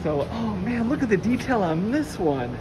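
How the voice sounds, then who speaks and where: A woman's voice: medium pitch, sing-song, moderate pace. Woman, casual walking tour, enthusiastic, filler-heavy, phone recording, warehouse noise. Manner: chatty, enthusiastic, many fillers. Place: large indoor warehouse. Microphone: handheld phone camera, walking. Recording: noisy warehouse ambience.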